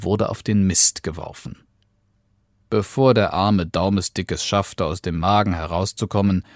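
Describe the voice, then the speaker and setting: A man reads a fairy tale aloud in a calm, unhurried manner. His voice sits a little low and he takes his time. The recording is close and dry. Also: no room sound. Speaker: narrator.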